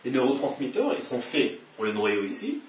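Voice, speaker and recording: A man's voice: mid-range voice, wildly swooping pitch, moderate pace. A man giving a casual science lecture, explaining step by step and repeating the key terms. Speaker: science educator. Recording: roomy echo, distant mic, faint hiss.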